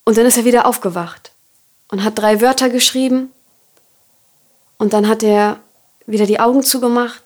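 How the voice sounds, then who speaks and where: A woman hosting a podcast, telling a personal faith story and reflecting on it in an earnest, softly confiding way. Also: on the high side, steady tone, normal speed, pauses often. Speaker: podcast host.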